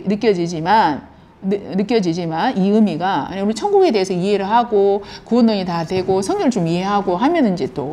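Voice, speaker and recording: Middle-aged woman, Bible teacher, mellow tone, swooping lively delivery, acts out quotes. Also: medium pitch. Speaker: counselor teaching on scripture. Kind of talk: Bible lecture.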